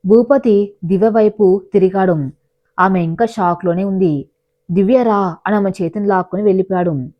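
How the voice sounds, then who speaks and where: A woman's voice: medium pitch, normal speed, lo-fi sound. Telugu woman narrating a dramatic story.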